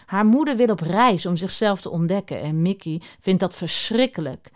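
A woman opening the school day by talking to children and then reading a book excerpt aloud, in an expressive storytelling way. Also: mid-range voice. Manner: expressive storytelling read-aloud, acting out the first-person character.

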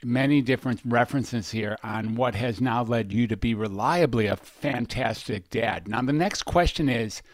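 A man hosting an interview, asking long, rambling questions with many pauses and fillers. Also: medium pitch, dry recording, clean studio sound. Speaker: podcast host. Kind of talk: podcast interview.

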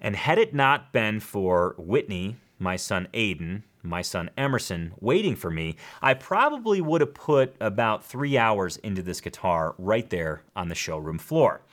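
A man's voice: lowish voice, sing-song, unhurried, few pauses, fairly bright tone. A man with an American accent hosting a show in an emphatic, enthusiastic top ten countdown style. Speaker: guitar show host.

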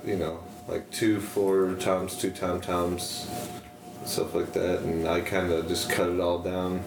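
A man chatting as a guest drummer on a podcast, laid-back and rambling with lots of fillers. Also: fairly low pitch. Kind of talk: casual chat. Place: room with several people. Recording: echoey room with noise.

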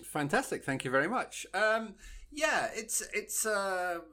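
A Scottish man hosting a casual podcast, chatty and quick to laugh. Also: high-pitched. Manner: chatty, laughs easily, lively. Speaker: podcast host.

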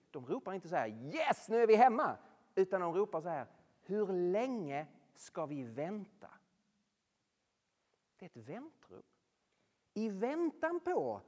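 Casting: lively preacher, big pitch swings, long hall reverb, sermon to an audience. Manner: animated, rhetorical questions, swings between loud and hushed. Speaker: speaker addressing a Norwegian audience.

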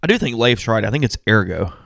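A man co-hosting a sports talk show, talking casually and haltingly, often repeating words as he thinks aloud. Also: on the low side, big pitch swings, creaky, fairly bright tone, no echo, studio quality. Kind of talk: casual sports radio chat. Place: radio studio.

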